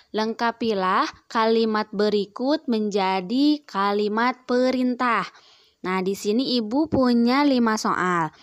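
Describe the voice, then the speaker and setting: A woman primary school teacher giving a recorded grammar lesson for young children, explaining slowly and patiently with many prompts. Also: on the high side, no room sound.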